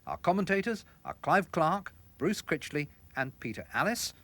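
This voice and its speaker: Man, scripted sports narration, slightly high voice, animated melody. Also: moderate pace. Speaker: sports programme presenter.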